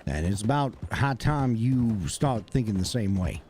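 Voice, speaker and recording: A man, speaking gruffly and bluntly in character during a roleplay game stream, swearing often. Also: on the low side, lively intonation, a little slow, darkish tone, a little hiss or hum.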